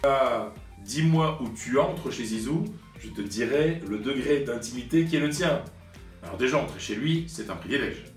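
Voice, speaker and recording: A French sports journalist in his late forties recounts memories to the camera in a medium-pitched, expressive voice at a moderate pace. His telling is hesitant, packed with fillers and restarts. The sound is roomy and distant, with faint music in the background.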